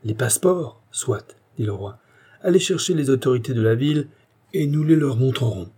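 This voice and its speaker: A man's voice: mid-range voice, animated, warm tone, breathy edge, pitched above the performer's own voice. A man doing a dignified, formal king. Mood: commanding. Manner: measured, formal. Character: dignified male king, calm and commanding.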